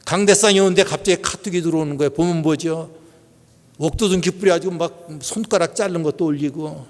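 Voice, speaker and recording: A man's voice: high-pitched, in a large hall. A middle-aged male pastor preaching a Sunday sermon in a conversational way, putting questions to the congregation. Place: church sanctuary.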